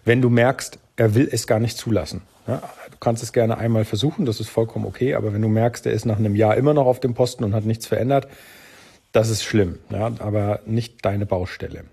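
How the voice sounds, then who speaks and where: A man's voice: on the low side, fairly even intonation, fairly quick, creaky, mellow, husky. A man hosting a solo podcast, speaking earnestly and directly to the listener as he thinks aloud. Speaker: podcast host.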